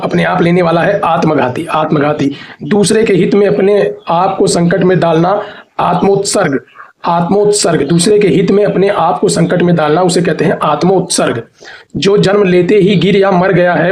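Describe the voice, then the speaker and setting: A high-pitched man runs an exam preparation lesson, reading out lists of words and definitions. He repeats each answer and walks through the spelling of tricky words. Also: slight background noise. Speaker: Hindi teacher.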